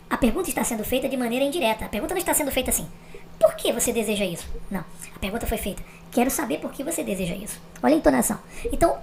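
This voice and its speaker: A woman's voice: fairly high pitch, gravelly, a little hiss or hum. A woman explaining grammar step by step on video, checking that the viewer follows. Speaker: teacher.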